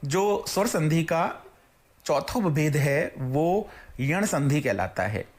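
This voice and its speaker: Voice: mid-range voice, expressive, a little mellow. A teacher giving a recorded grammar lesson, asking the class questions and then praising the answers they imagine. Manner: slow, deliberate explaining, drawing out example words.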